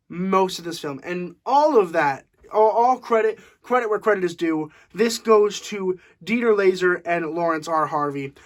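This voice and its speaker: Young male reviewer, casual and animated, laughing through his take. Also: high voice. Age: young adult. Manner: animated, laughing, with frequent fillers. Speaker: movie reviewer. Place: room at home.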